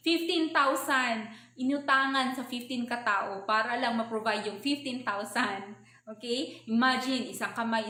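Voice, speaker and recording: Energetic Filipino woman trainer, echoey room. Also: on the high side. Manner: energetic, checks in often with a rising "okay?". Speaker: network marketing trainer. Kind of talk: motivational training talk.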